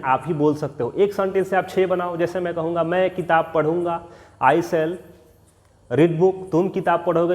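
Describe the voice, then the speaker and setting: A man teaching an English lesson in Hindi, reading example sentences slowly and chatting encouragingly to his students. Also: on the high side, darkish tone, in a large hall.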